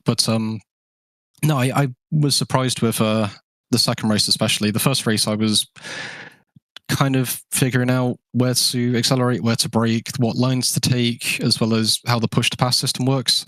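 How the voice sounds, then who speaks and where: A man's voice: mid-range voice, a bit bright, dry recording. A man being interviewed after winning a race, speaking frankly and rambling off topic. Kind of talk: casual interview.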